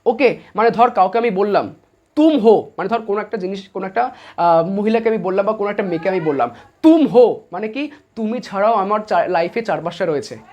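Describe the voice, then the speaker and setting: A man's voice: high-pitched, fast talker, highs cut off. A man teaching commerce online. He talks casually, asks his students quiz questions and repeats each point before answering it himself. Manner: casual, chatty, calls students guys and brother. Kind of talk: online lesson.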